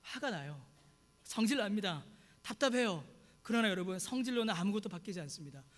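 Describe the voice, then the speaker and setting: A man's voice: high-pitched, lively intonation, a little fast, a bit bright. A male pastor preaching a sermon with passion, piling up repeated rhetorical questions to his congregation. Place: church sanctuary. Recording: long hall reverb.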